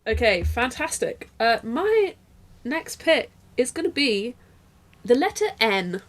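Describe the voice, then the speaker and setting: A woman's voice: on the high side, sing-song, takes it slowly. A woman co-hosting a podcast in casual chat, bubbly and rambling, often backtracking mid-sentence. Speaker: podcast co-host.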